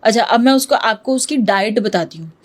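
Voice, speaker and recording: A woman's voice: a little high, expressive, brisk. Woman guest telling a haunted story, vivid, drops english words in her hindi. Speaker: podcast guest. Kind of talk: telling a true ghost story in an interview.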